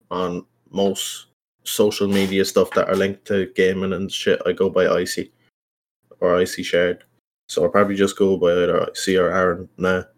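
A man's voice: low-pitched, slight background noise. A young man with an Irish accent hosting a casual solo podcast, rambling informally and self-consciously with plenty of swearing. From Ireland. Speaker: podcast host.

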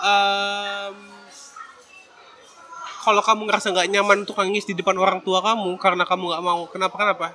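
A man's voice: high voice, bright, forceful tone, slight background noise. A man talking casually to his viewers, giving advice in a chatty, slangy way and slipping in English phrases.

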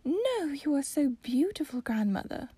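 A woman voicing a sweet, eager little princess in a storybook, with a lilting, breathy delivery. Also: high-pitched, sing-song, unhurried, mellow, dry recording, pitched above the performer's own voice.

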